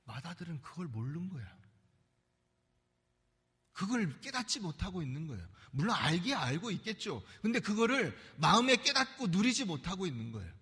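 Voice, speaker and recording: A man preaching a sermon as pastor, animated and acting out the voices he quotes. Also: high voice, brisk, breathy edge, long reverb tail. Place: church sanctuary.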